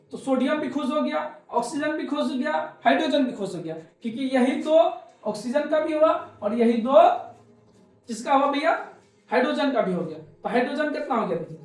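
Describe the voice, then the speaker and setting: A man's voice: extremely high pitch, a little mellow, reverberant. A man teaching a chemistry class, repeating his points and answering his own questions. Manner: repetitive, coaxing, asks questions and answers them himself. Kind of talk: classroom lecture.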